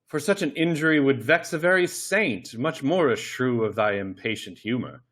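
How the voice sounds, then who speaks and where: A man reading an older father consoling his weeping daughter in a live online play reading, in a gentle, sympathetic way. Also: mid-range voice, lively intonation, moderate pace.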